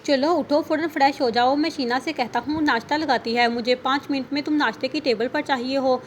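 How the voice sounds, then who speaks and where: A woman's voice: sits high, fairly even intonation, a little fast, a little hiss or hum, close to an everyday voice. A woman voicing a stern, domineering young husband in an audio novel, speaking in a commanding way. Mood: scolding. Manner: commanding, scolding.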